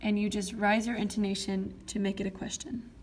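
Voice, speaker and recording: A woman's voice: mid-range voice, flat delivery, brisk. A woman teaching a French grammar lesson, explaining step by step and often checking in with "okay?" and "all right?". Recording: faint background noise.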